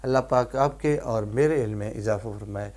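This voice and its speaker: A man's voice: medium pitch, a little mellow. A man teaching English grammar in a video lesson, explaining step by step with frequent fillers and checking in with his viewers.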